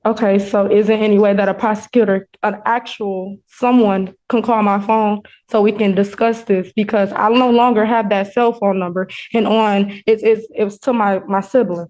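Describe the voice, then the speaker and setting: A woman's voice: mid-range voice, fairly even intonation, moderate pace, few pauses, a little mellow, lo-fi sound. A woman addressing a court informally and spontaneously, protesting her side. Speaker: member of the public addressing court.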